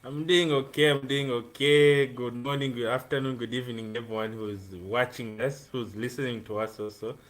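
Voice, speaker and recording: A Ugandan student in his twenties, appearing as a guest in a casual live-streamed video call interview, talks earnestly about his life with frequent ums. His mid-range voice is slightly bright, with fairly even intonation, normal speed and few pauses.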